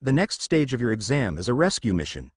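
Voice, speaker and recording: A man's voice: mid-range voice, sing-song, brisk, husky, no room sound, clean studio sound. A man voicing a stern adult exam announcer in a read-aloud story. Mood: formal.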